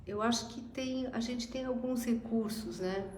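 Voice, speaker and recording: Brazilian woman, gentle spiritist talk, hesitant pacing, echoey hall, faint hiss. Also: fairly high pitch, measured pace. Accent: Brazilian Portuguese. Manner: reflective, hesitant, frequent "né?" fillers. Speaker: spiritist speaker. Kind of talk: spiritist sermon. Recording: echoey room, faint noise.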